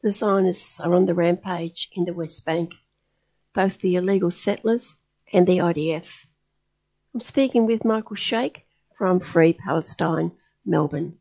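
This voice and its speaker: A woman presents a radio interview in a mellow, warm tone. She sets up the topic in a plain, direct manner from a script. Her delivery stays even. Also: on the low side, unhurried, poor audio.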